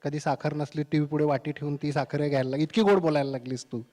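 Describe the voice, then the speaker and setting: A man's voice: a little high, steady tone, fast talker, warm tone. Teasing male interviewer in a hall. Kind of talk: conversational interview questions.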